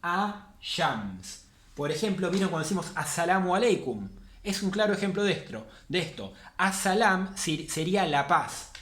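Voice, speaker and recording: A fairly high-voiced man gives a classroom lesson, patiently going back over each rule and repeating it for emphasis. His voice rings in a roomy, echoey space. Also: expressive, moderate pace, few pauses, a bit bright, slight background noise. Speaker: language teacher. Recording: echoey room.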